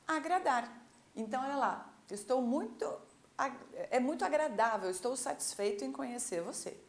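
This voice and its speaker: A Brazilian woman with a Brazilian Portuguese accent teaching an English class, slowly modeling phrases and checking in with her students. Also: on the high side, roomy sound. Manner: lively, drawn-out model pronunciation with teacherly check-ins. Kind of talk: online classroom lesson.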